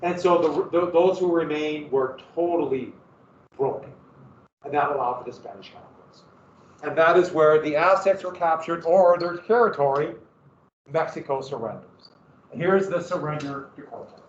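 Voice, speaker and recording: This is a man with a Montana accent teaching history in a loose, meandering, self-deprecating way. He speaks at a moderate pace in a slightly high voice. Picked up from a distance in an echoey classroom, the audio is dull and has slight background noise.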